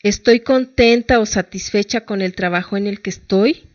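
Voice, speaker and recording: A woman's voice: medium pitch, normal speed, no echo, lo-fi sound. A middle-aged woman psychologist with a Mexican Spanish accent, giving colloquial advice and asking her listeners rhetorical questions. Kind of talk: talk-show advice talk.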